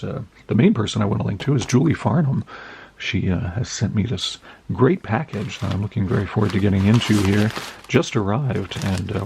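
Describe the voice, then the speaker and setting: A middle-aged American man with a cold and a hoarse, raspy voice, chatting in a rambling, friendly way while opening card packages for his channel. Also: on the low side, a little mellow. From United States. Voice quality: raspy, gravelly. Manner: rambling, friendly, many uh fillers. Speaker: card collecting vlogger. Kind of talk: casual chat while opening mail.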